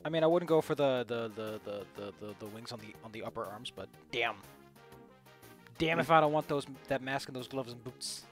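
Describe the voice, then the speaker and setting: A man's voice: mid-range voice, fairly quick, soft background music. A man running a tabletop game as game master, talking casually with his players.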